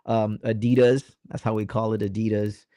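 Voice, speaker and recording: An American man, a guest in a casual interview, asking relaxed questions. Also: on the low side, moderate pace, gravelly, dry recording, studio quality. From United States. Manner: laughs easily, relaxed questioning.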